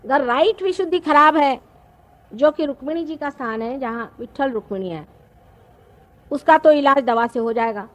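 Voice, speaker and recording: High-voiced woman giving a spiritual talk. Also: expressive. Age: 50s. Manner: slow, explanatory, with pauses. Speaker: spiritual teacher. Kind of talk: spiritual discourse. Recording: archival talk recording.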